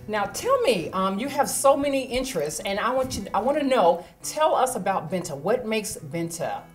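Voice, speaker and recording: A woman hosting an interview, chatty and lively, often restarting her questions. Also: mid-range voice, moderate pace, soft background music. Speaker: host, executive director. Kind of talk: casual interview.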